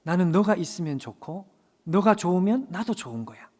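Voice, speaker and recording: A man voicing a gentle, loving God during a sermon story, speaking softly and low, near a whisper. The lines are tender and reassuring. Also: big pitch swings, moderate pace.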